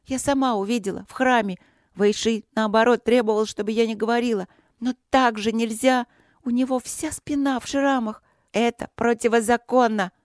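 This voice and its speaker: A narrator voicing a hot-tempered young princess who scolds in loud, indignant outbursts. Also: medium pitch, steady tone, normal speed, no room sound, clean studio sound, voice pushed up, lightly acted.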